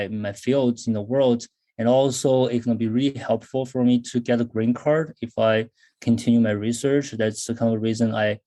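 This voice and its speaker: A Chinese-born man in his thirties, whose first language is Chinese, talks through his career as a guest in casual podcast interview talk. His mellow, relaxed voice sits at an ordinary pitch. He's thoughtful, pausing often, using frequent ums and restarting sentences.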